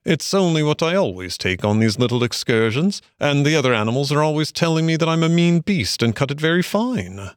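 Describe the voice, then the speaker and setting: Man doing a genial dreamy water rat, solemn and enthusiastic, storybook reading, lively lilt, dry sound. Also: a little high, a little fast, hardly any pauses, no echo, pitched above the performer's own voice. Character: genial, dreamy male water rat who loves boating.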